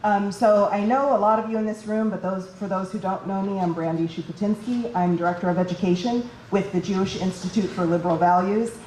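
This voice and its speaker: A woman moderating a panel, speaking in a brisk, practical way with a few ums. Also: mid-range voice, steady tone, a little mellow, slight background noise. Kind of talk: introducing a panel. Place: large conference room. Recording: echoey event room, faint ambience.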